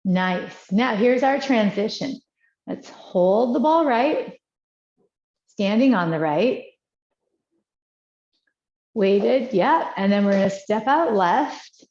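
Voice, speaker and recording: A woman teaching tai chi, giving calm, encouraging movement cues in short, unhurried phrases. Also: medium pitch. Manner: encouraging, praising as she guides. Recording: dull, echoey room sound.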